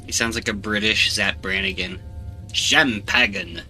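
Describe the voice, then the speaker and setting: Bright-voiced joking male streamer. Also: fairly low pitch, animated, moderate pace, faint music behind. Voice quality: crude, joking banter. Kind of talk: casual live-stream commentary.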